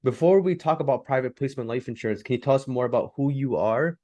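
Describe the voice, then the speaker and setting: A man's voice: medium pitch, quick pace, dry recording, dull audio. Podcast host man, dry sound. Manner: scripted intro, then relaxed questions. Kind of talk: podcast intro and interview questions.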